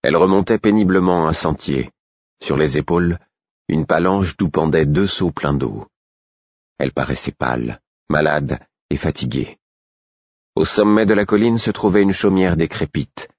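A man reads a novel aloud in the first person, his voice sitting extremely low and husky. His delivery is measured and introspective. The recording is dry and slightly dull. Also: darkish tone, no room sound. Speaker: audiobook narrator. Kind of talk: scripted first-person narration.

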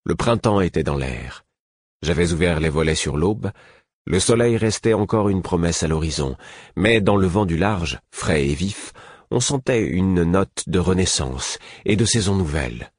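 Deep, husky male audiobook narrator. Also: lively intonation, measured pace, no echo, clean studio sound. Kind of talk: scripted narration.

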